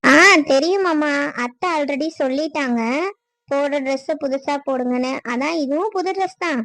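A woman voicing a young, newly married daughter-in-law in a cartoon, who talks softly and respectfully. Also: high voice, moderate pace, no room sound, low-quality recording. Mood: calm. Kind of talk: cartoon voice acting.

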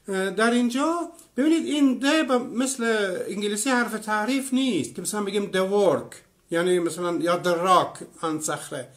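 A man from Iran in his fifties with a high-pitched voice leads an online lecture. He works through one example after another in a clear, explanatory manner. He often pauses to take up comments from his live audience. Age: 50s. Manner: explanatory, gives many examples; reads out and answers viewer comments.

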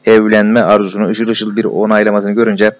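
A man reading a classic novel aloud as scripted narration, in a plain, steady manner with small restarts. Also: on the low side, a little fast. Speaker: audiobook reader.

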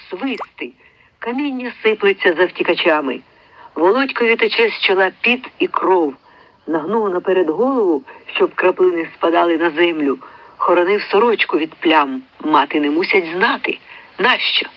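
A man's voice: high-pitched, dull audio. A man reading a literary story aloud as an audiobook, telling it expressively and raising his voice for the characters' lines. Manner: lively storytelling that shifts into raised voices for the characters. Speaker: audiobook reader.

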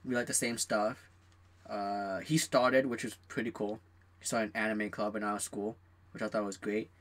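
Young male co-host, bright voice, animated rants about work, slips into quoted voices. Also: lowish voice, normal speed. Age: young adult. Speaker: podcast co-host. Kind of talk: casual chat.

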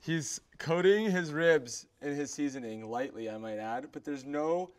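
A man's voice: on the high side, measured pace, smooth. A young man co-hosting a cooking show, chatting casually and teasing his brother as he cooks. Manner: teasing, playful.

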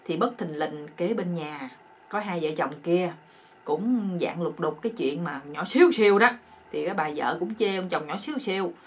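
A woman's voice: on the low side, moderate pace, husky. A woman telling a comic folk joke in a chatty, colloquial way. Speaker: storyteller. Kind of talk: casual comic storytelling.

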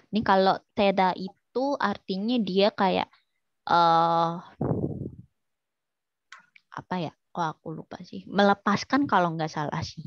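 A woman with a slightly low voice runs an online language class and keeps asking her students questions. Her chatty talk is full of fillers, and the recording sounds dull and lo-fi in a dry space. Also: dry recording. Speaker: Korean language teacher.

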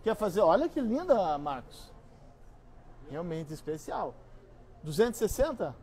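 High-pitched Brazilian man calling auction bids. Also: very animated, a little slow, darkish tone, slight background noise. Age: middle-aged. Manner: repetitive, coaxing bid-calling. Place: large busy antiques store hall, indoors.

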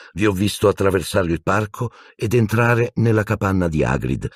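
Man voicing Lupin, calm and measured. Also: on the low side, slightly rough, no echo, studio quality, voice pushed up. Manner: measured, explaining, mildly impatient. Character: calm, patient middle-aged male wizard teacher.

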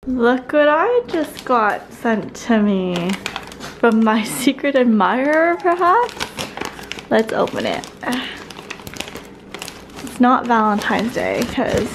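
Playful young woman vlogging casually. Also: fairly high pitch. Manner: playful, talks fondly to her dog. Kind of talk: casual vlog talk to camera. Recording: noisy background hiss.

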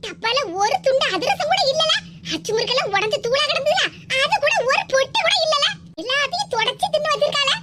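A greedy old mother-in-law in a cartoon, voiced by a woman, always scolding and grumbling. Her voice sits very high and the words tumble out fast. She speaks with a lilt. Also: animated, noisy background. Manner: scolding, nagging. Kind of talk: cartoon voice acting.

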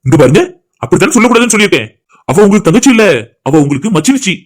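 A man voicing a cocky, fast-talking young groom. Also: sits high, very animated. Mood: smug. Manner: rapid, teasing, boastful. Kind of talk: cartoon voice acting.

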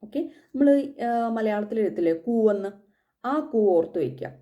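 A woman's voice: mid-range voice, expressive, normal speed, dull audio. A woman from Kerala teaching the German alphabet in a casual spoken lesson, patiently repeating each letter.

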